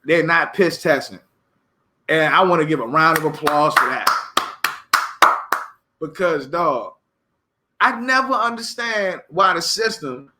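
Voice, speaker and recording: A young man with a high, bright voice hosts an unscripted podcast, talking in a loose, profane rant. He slips into sudden shouted bursts and then falls back to low, muttered asides. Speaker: podcast host. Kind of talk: unscripted casual monologue.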